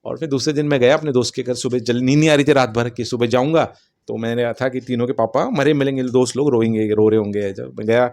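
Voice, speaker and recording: Quick, gravelly man telling his testimony. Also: medium pitch. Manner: animated, acts out dialogue. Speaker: testimony speaker. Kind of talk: personal testimony storytelling.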